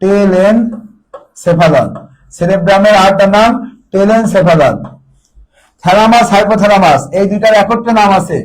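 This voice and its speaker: High-voiced man drilling biology terms. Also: brisk, rough recording. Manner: drills terms by repeating them and quizzing students. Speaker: biology tutor. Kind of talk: exam-prep lecture.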